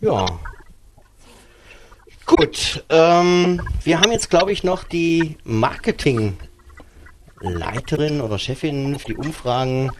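A man hosting a live radio chat show, talking haltingly with many fillers and restarts. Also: fairly high pitch, animated, background noise. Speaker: radio host.

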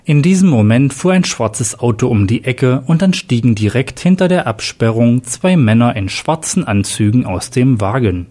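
A man reading a crime story aloud as narrator in a steady storytelling manner. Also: mid-range voice, moderate pace, few pauses. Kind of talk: scripted narration.

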